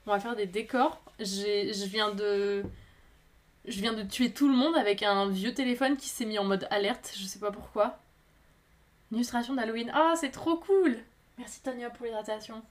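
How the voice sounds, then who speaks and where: A woman with a high voice chats to her viewers as she works at her pottery. She talks in a lively, excitable way and apologizes often. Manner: chatty, excitable, quick to apologize. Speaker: potter streaming live. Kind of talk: casual live-stream chat.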